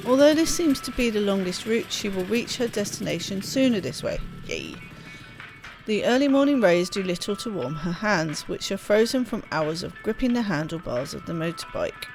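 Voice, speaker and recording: Over game music, a let's play host reads the story text with animation in a medium-pitched, darkish voice at normal speed. She plays as she reads expressively, tossing in casual asides, and the recording is rough.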